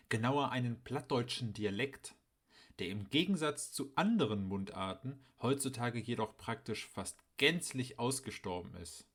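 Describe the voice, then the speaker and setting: A man narrating a scripted educational voice-over, explaining clearly and speaking directly to his viewers. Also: mid-range voice, fairly bright tone. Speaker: channel host explaining dialects.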